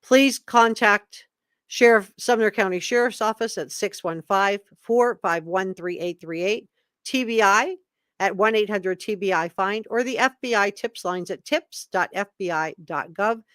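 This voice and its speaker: A woman's voice: mid-range voice, measured pace, a bit bright, clean tone, no echo. A woman hosting a live commentary stream, reading statements aloud emphatically with opinionated, informal asides. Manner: emphatic, repeats key words for effect; opinionated, informal asides between read passages. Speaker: livestream host commentator.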